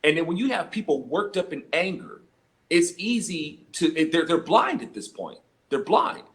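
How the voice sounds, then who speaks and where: An American man with a somewhat high voice talks as an interview guest. He gives conversational commentary in a halting way, doubling words as he begins his phrases. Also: very animated.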